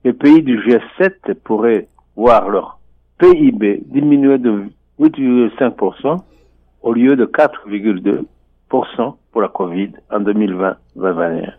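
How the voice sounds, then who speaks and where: A man commenting on finance and economics over a telephone line on a radio show, speaking in a measured, deliberate way with frequent hesitations. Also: medium pitch, no room sound. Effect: voice heard over a telephone line. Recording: muffled phone line, dry.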